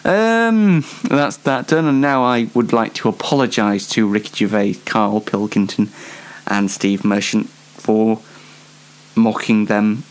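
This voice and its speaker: A man with a fairly low, slow voice hosts a solo show, delivering a casual comedic monologue to his audience. He rambles hesitantly and makes fun of himself along the way.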